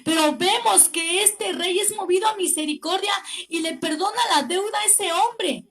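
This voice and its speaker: A woman's voice: extremely high pitch, fairly bright tone. A woman preacher with a Mexican Spanish accent delivering a fervent sermon, often breaking in with words of praise. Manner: slow, deliberate delivery with emphatic pauses.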